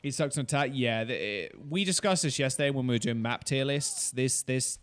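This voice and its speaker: A man casually breaking down a game replay, reacting loudly and swearing often as the plays unfold. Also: medium pitch, brisk, clean tone. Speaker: esports streamer and analyst.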